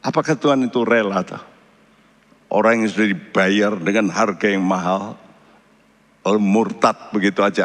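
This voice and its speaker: A man preaching a sermon as pastor, emphatic, his pitch jumping up on key words. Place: church. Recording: reverberant church hall.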